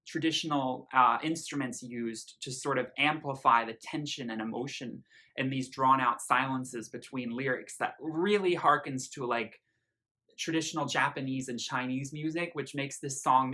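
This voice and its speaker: This man's voice is mid-range, bright and forceful as he gushes over an album in a relaxed review. He talks earnestly, stresses key words, and reads some of the lyrics out loud.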